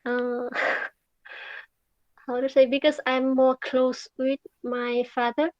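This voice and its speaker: Slow, halting woman on a muffled call. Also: sits high, little pitch movement, dry recording. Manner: halting, searching for words with long pauses. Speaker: beginner English learner answering practice questions. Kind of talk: practice speaking test answers.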